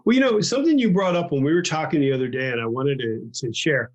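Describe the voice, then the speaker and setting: A man hosting a podcast, asking his guest open questions in a relaxed, chatty way. He laughs along readily and keeps the talk friendly. His voice sits a little higher than most men's. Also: fast talker. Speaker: podcast host. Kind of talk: casual interview chat.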